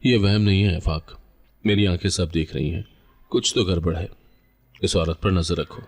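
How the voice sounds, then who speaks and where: A man's voice: fairly even intonation, normal speed, darkish tone. A man doing a spiteful old mother-in-law. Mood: scornful. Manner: taunting, shrill scolding. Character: harsh scheming older mother-in-law.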